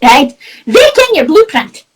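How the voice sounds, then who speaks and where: This Scottish spiritual medium speaks with a Doric accent, chatting casually about spirituality and telling anecdotes full of "you know" and laughter. Her high-pitched voice has a sing-song, unhurried quality. She sounds distant from the mic.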